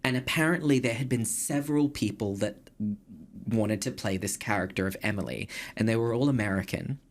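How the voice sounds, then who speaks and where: A woman's voice: extremely low pitch, darkish tone. A woman hosting a casual podcast chat, talking in a thoughtful, rambling way and searching for words as she goes. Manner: chatty, thoughtful, many fillers and restarts. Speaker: podcast host.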